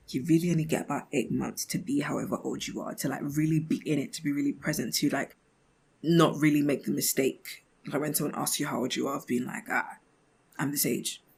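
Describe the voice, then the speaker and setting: A woman in her twenties with a low, slightly rough voice hosts a casual podcast monologue. She chats expressively and giggles, often laughing mid-thought, while acting out imagined remarks.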